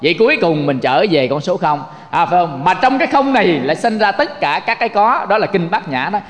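Man, Buddhist sermon, folksy and joking, high voice, long reverb. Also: big pitch swings, a little fast. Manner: folksy, joking, keeps asking the audience for agreement. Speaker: Buddhist teacher.

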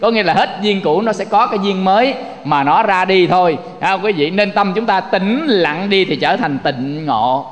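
Man, Buddhist sermon, folksy and joking, high voice, long reverb. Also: expressive, normal speed, few pauses. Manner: folksy, joking, keeps asking the audience for agreement. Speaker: Buddhist teacher.

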